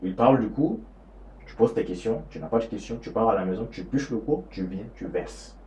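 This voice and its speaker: Low-voiced young man from Niger. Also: expressive, fairly quick, dark tone, slight background noise. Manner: rambling, repetitive, many fillers. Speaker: student vlogger. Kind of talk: casual vlog monologue. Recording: roomy echo, faint ambience.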